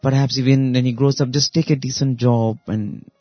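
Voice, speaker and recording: A man hosting a radio show, giving a reflective spiritual talk in a slow, deliberate way with long pauses. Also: mid-range voice, fairly even intonation, no room sound, lo-fi sound. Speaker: radio host.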